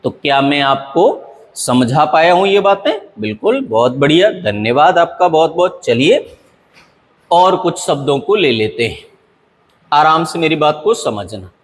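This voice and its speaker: A man's voice: on the high side, very animated, measured pace, big-room sound. A man teaching Hindi spelling for exam preparation, patiently drilling correct and wrong forms of words one by one. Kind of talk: exam-prep spelling lesson.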